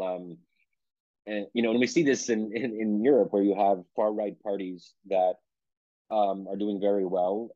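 A low-voiced, darkish-toned man from Pennsylvania, an author appearing as a guest, answers an interview conversationally. Thoughtful and self-correcting, he qualifies his points and restarts often; the recording is dull, lo-fi and dry, with no echo.

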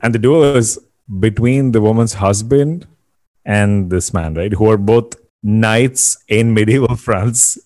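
A man's voice: fairly low pitch, measured pace, a little mellow. Rambling man podcast co-host. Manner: rambling, repeats words, restarts sentences. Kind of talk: casual chat.

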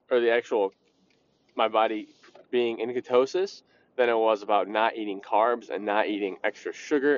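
A man's voice: medium pitch, lo-fi sound. A young man hosting his own podcast, talking casually and bluntly, with the odd swear word. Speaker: podcast host. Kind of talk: casual solo podcast talk.

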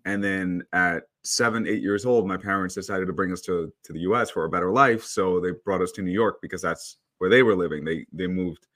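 Male, 30s, low voice, relaxed storyteller, podcast guest. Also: a little fast, few pauses. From El Salvador. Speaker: photographer guest. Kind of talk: casual interview talk.

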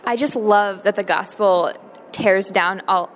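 A woman's voice: medium pitch, a little slow. American woman co-hosting in an echoey hall. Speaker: podcast co-host. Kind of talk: conversational presenting. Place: echoey, nearly empty state capitol hall. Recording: echoey hall, faint background noise.

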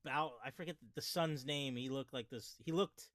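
A man's voice: medium pitch, moderate pace, a bit bright. A man guest-hosting a podcast, chatting casually about a movie in a joking, easygoing way. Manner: joking, easygoing, trails off mid-thought. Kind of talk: casual movie review chat.

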